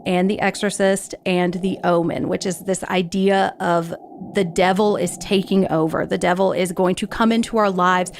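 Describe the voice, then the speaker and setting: A woman's voice: lowish voice, fairly even intonation, normal speed, vocal fry, slight background noise. A woman from the United States giving casual spoken analysis as a guest commentator.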